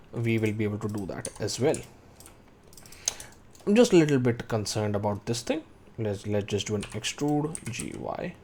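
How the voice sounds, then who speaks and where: In a screen-recorded software tutorial, a 3D modeling tutor in his thirties thinks aloud as he works and calls out keyboard shortcuts. He has a warm, mid-range voice, and there's a little hiss or hum on the recording.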